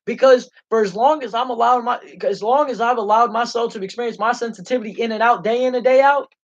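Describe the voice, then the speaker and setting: This young man, hosting his own stream, talks fast in a very high voice as he delivers an angry, passionate, unscripted rant laced with swearing. The audio has a dull, lo-fi quality.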